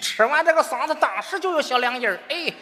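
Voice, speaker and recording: A man's voice: very high voice, animated, quick pace, pushed and bright. A man performing stage crosstalk comedy as a coaxing, bossy straight man. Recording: live hall with faint ambience.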